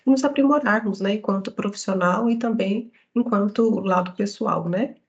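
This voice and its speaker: A woman's voice: mid-range voice, normal speed, vocal fry, highs cut off. A woman giving a psychology study-group lecture in an explanatory way, often checking in with tag questions.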